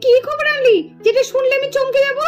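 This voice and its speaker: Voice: extremely high pitch, fairly even intonation, highs cut off. Grumbling cartoon homemaker mother. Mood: puzzled. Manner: scolding, grumbling, quick to brush ideas off. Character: busy homemaker mother, practical, easily exasperated. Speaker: mother of the children.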